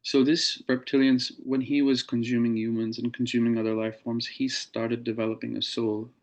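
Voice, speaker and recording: A man as an interview guest, recounting a personal experience in a measured, earnest way with pauses. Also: medium pitch, flat delivery.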